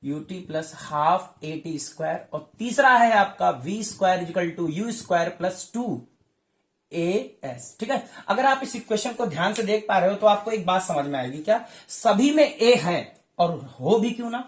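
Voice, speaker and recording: A male physics teacher talks through a whiteboard lesson for exam preparation. He goes one step at a time, often pausing on a quick "okay" and calling the viewers dear children. His voice rings out in a noticeably echoey room. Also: high-pitched, expressive. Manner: explains step by step, checking in with frequent "okay".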